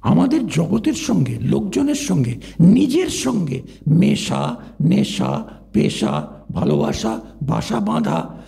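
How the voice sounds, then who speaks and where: A man's voice: on the high side, huge pitch swings, slow, vocal fry, dark tone. An older man giving a philosophy lecture in a discursive way, stopping to ask the audience questions.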